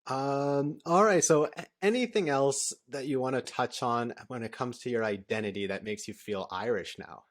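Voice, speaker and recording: A man's voice: mid-range voice, moderate pace, few pauses. A man hosting a casual podcast interview, a native Flemish speaker, asking curious questions and laughing easily. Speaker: podcast host.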